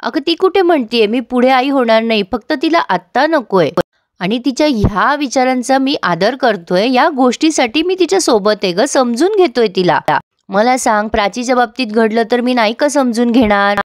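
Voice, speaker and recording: A woman's voice: a little high, animated, normal speed, no room sound, clean studio sound, natural voice. A woman reading as Dada Kaka, an earnest elderly uncle. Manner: reasoning, earnest. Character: elderly uncle, teasing yet wise.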